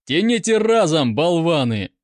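A man's voice: on the high side, big pitch swings, measured pace, no echo, studio quality, pitched above the performer's own voice. A man doing a sneering arrogant lieutenant. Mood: mocking, commanding. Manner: mocking, commanding.

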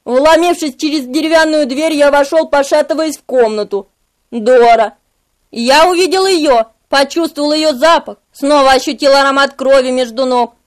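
A woman narrating a novel in the first person. Her voice is high and her reading is dramatic and vivid, with scripted, steady storytelling. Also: moderate pace, few pauses. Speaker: audiobook narrator.

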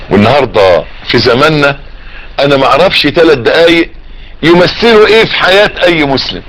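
A man with an Egyptian Arabic accent preaching a sermon, drawing out repeated phrases softly and rising to emphatic exhortation. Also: a little high, poor audio.

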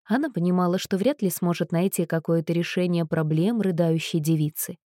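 A woman's voice: lowish voice, brisk, warm tone, no echo. Woman reading a story aloud, dry sound. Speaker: audiobook narrator. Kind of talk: scripted narration.

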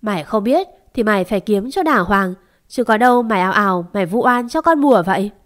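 A woman's voice: mid-range voice, lively intonation, fast, lightly acted. Scolding older household aunt, voiced by a woman.

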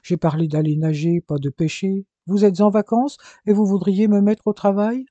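A man's voice: sits high, steady tone, normal speed, warm tone, no echo, dull audio, pitched above the performer's own voice, close to an everyday voice. A man voicing a jovial elderly grandfather in an audiobook, joking with his grandchildren. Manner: playful, mock-complaining. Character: jovial elderly grandfather who loves fishing.

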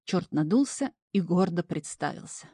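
A woman narrating a fantasy story in the first person, animated and playful. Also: fairly low pitch, moderate pace, slightly rough, no echo, studio quality. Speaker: audiobook narrator.

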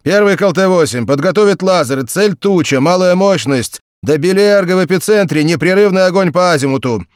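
A man's voice: mid-range voice, animated, moderate pace, few pauses, husky, dry recording, studio quality, pitched above the performer's own voice. A man voicing a commanding middle-aged male starship captain giving terse orders.

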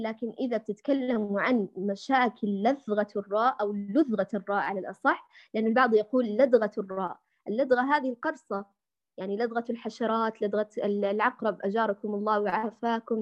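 A woman's voice: a little high, fast, highs cut off. A woman teaching Quran recitation in a recorded lesson, patiently demonstrating sounds and calling her listeners dear. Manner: addresses listeners fondly as dears.

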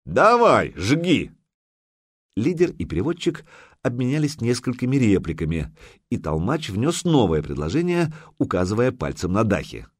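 A man narrating an audiobook in a measured storytelling manner. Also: medium pitch, big pitch swings, a little mellow, dry recording. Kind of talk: scripted narration.

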